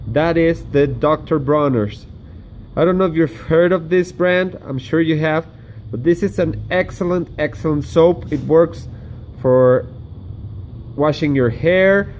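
A man's voice: on the high side, darkish tone, a little hiss or hum. Man showing gear, chatty and step-by-step. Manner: chatty, explains step by step to viewers. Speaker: outdoor gear vlogger. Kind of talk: casual hands-on demonstration. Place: indoors at a table. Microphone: camera filming hands from above.

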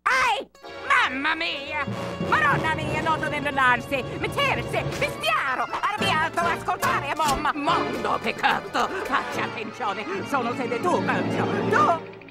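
A woman's voice: medium pitch, very animated, slow pace, a loud crowd. A woman voicing an elderly Italian woman in a cartoon, who fusses over her pets in broken English with a strong Italian accent. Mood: scolding. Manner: fussing, scolding, broken English. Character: doting old Italian woman, bossy mother type. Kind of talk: cartoon voice acting. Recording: music behind.

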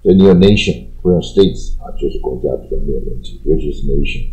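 Man, low voice, Taiwanese Mandarin accent, casual English vocabulary lesson, chatty fillers. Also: mellow, rough recording. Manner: explains words with frequent drawn-out "啊" fillers and repetition. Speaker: English teacher.

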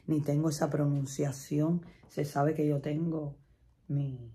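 A woman's voice: low voice, little pitch movement, slow pace, mellow. A middle-aged Spanish-speaking woman telling a chatty personal story, laughing often and repeating herself. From Latin America. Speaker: vlogger.

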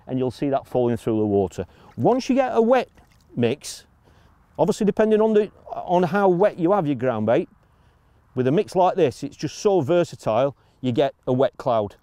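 A man's voice: fairly high pitch, warm tone, dry recording. A middle-aged man from the UK explaining fishing technique outdoors by a lake, chatty and informal, often checking in with "all right?" and "you know". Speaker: angling coach. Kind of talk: casual outdoor tutorial.

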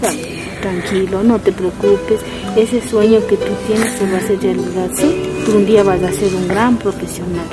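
Woman, charity visitor, gentle comforting tone, medium pitch, loud music bed. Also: steady tone, normal speed. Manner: gentle, soothing, calls the children dear ones. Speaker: charity visitor interviewing a family. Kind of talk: emotional field conversation with children. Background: music score.

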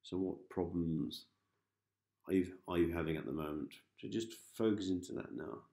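A man with a low, gravelly voice guides listeners toward sleep as a hypnosis host and meditation guide. Calm and gentle, he repeats soft instructions with long pauses. The room sound echoes, with faint music beneath.

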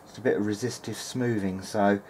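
Fairly quick and steady, this man's rather low voice carries hesitant, thinking-aloud talk. As host and hobbyist electronics repairer, he runs a casual hands-on demo at an indoor workbench. Workshop room noise is present in the clear recording.

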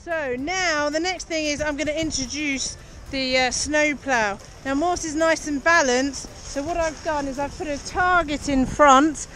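A woman with a high-pitched voice gives a live ski lesson in a cheery, encouraging way, calling out short instructions. She is recorded outdoors on an action camera, with plenty of noise around her. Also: a little slow, a bit bright, low-quality recording. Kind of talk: live beginner lesson, coaching and explaining to camera. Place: outdoors on a busy ski slope. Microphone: action camera held or worn.

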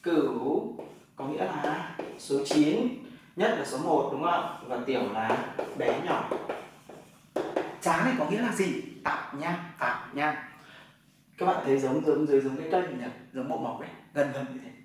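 A man's voice: on the high side, animated, measured pace. A man teaching in a classroom. He explains step by step and keeps asking whether the class follows. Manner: explains step by step, often asks "right?" to check. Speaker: Chinese language teacher. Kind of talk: classroom lesson. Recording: echoey room from far off, faint noise.

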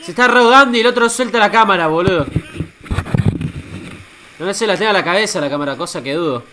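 An Argentine streamer reacts live to clips, excitable and casually profane, stopping to greet his chat. His voice sits a bit high and sounds bright and sharp. There is a faint noise behind him. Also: quick pace. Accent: Argentine Spanish.

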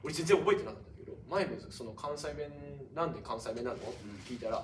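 Young comedian, quick and animated, bright voice, roomy distant mic. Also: male voice, medium pitch. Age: young adult. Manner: lively, laughing, quick back-and-forth. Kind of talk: casual chat answering viewer questions. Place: theater talk set. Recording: roomy, from some distance, faint hiss.

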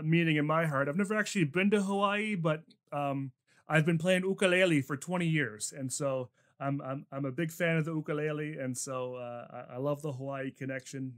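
A man's voice: fairly high pitch, a bit bright. A man hosting a podcast interview, talking casually with many fillers and restarts. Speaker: podcast host.

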